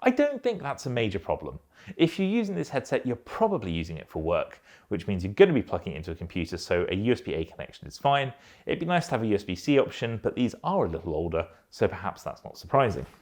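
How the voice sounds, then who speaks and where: A male product reviewer delivers what sounds like a scripted headset review, explaining things in a measured way. His pitch rises and falls in a lively, animated manner, like a prepared review.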